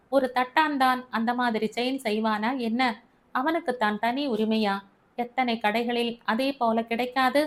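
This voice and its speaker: A woman narrating a first-person short story in a measured, steady reading. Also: on the high side.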